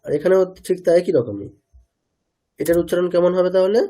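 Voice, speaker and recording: Mellow-voiced man teaching pronunciation. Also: high voice, expressive, fairly quick. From India. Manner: asks students questions and repeats answers; demonstrates sounds by repeating syllables. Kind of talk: online class lecture.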